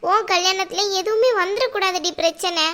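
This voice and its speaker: A woman's voice: extremely high pitch, brisk, pushed and bright. A woman voicing a worried mother in a cartoon, pleading and soothing her angry daughter. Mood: anxious. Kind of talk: cartoon voice acting.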